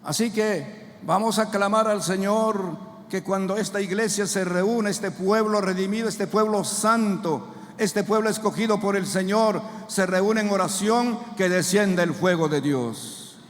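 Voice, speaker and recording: Male pastor, fervent sermon, unhurried delivery, long church reverb. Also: high voice. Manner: fervent preaching with call-and-response to the congregation. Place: church sanctuary.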